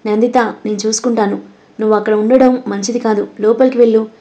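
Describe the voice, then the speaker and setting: A woman voicing a calm, protective young husband in a storybook drama, reassuring and firm. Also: sits high, fairly quick.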